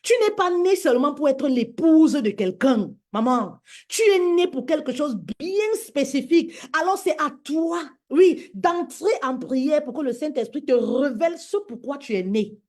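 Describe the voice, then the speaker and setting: Her voice is high-pitched and a little mellow, with lively intonation, a measured pace and few pauses. On a social media live she preaches emphatically to women, repeating herself and calling them "my queen."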